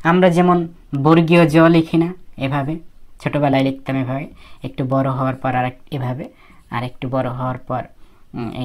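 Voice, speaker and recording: A Japanese language teacher with a low, slightly mellow voice gives a casual spoken lesson on writing letters. She explains slowly and repeats each step of forming the letters.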